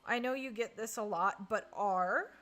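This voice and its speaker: A woman's voice: mid-range voice, a little slow, a bit bright, faint music behind. A woman chatting casually on a live stream while playing, reading and answering chat and groaning at misses. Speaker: game streamer.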